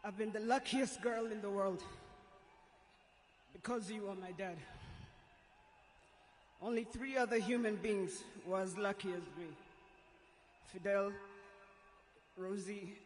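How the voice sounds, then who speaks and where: A woman with a Kenyan accent delivering a solemn, emotional eulogy as a tearful goodbye, measured and deliberate with long pauses. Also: mid-range voice. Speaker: eulogist, daughter of the deceased. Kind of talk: solemn funeral eulogy speech. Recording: echoey public address, faint noise.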